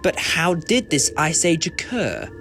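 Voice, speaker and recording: A man's voice: a little high, huge pitch swings, a little slow, over music, heavily acted. A man playing an eccentric, confident time-travelling explorer in a fan audio drama, chatty and theatrical. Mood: assured. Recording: loud background noise and ambience.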